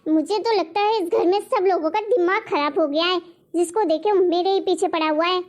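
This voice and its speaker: A woman voicing a spoiled, lazy young married daughter in an animated story, talking back indignantly. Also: very high voice, moderate pace. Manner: indignant, argumentative. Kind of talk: cartoon story voice acting. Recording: dull lo-fi recording.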